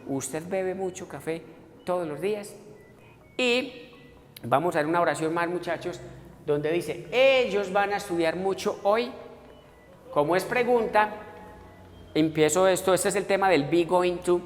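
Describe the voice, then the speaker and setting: A male English teacher walks his students through grammar step by step, addressing them warmly as a group. His voice rings with a long echo in the room, and faint music plays underneath. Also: sits high, unhurried, pauses often. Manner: explains step by step, addressing students as muchachos and voicing their questions. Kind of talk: recorded classroom lesson.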